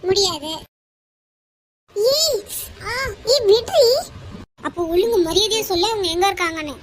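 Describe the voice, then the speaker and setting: A woman voicing a group of young women in an animated cartoon, bickering and teasing each other. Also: extremely high pitch, unhurried, a little hiss or hum, exaggerated voice. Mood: quarrelsome. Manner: quarrelsome, teasing. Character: young women friends bickering with office bullies.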